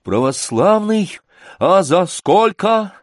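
A man's voice: medium pitch, big pitch swings, very slow, dry recording, studio quality. A man voicing a defiant male fiddler who speaks with weight and authority, in an audiobook reading. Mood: mocking. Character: defiant male fiddler, calm then commanding.

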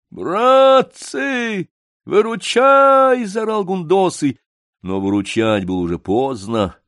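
A man narrating a story in a measured, expressive audiobook reading. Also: sits low, dry recording, clean studio sound.

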